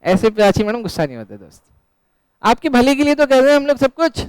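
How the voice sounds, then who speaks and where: A man's voice: very high-pitched, very animated, quick pace, clear, resonant tone, no echo, poor audio. A male teacher giving a live classroom lecture, asking questions and answering them himself, and teasing his students in chatty banter.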